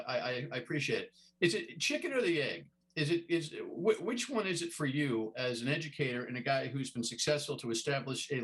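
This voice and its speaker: Middle-aged tv host guy, bit higher voice, rambles n stammers thru his questions. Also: a bit bright. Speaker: talk show host. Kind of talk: TV interview.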